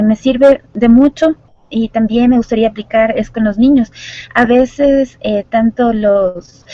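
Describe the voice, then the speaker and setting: Mellow woman on a dry call. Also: on the high side, dry recording. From Ecuador. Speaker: preschool teacher. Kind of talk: online class introduction. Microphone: video call microphone. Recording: dry, dull lo-fi call audio.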